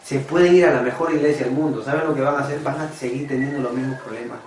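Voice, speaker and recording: A man's voice: medium pitch, steady tone, fast talker, recorded from a distance, soft background music. Earnest preacher man in echoey room. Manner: earnest, confessional, addresses listeners as brothers. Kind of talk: testimony sermon. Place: church meeting room.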